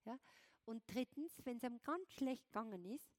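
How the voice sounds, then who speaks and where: High-voiced woman giving a lively keynote. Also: normal speed, no echo. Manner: lively, keeps checking in with the audience. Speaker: motivational speaker. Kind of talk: stage keynote talk. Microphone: wireless clip-on transmitter.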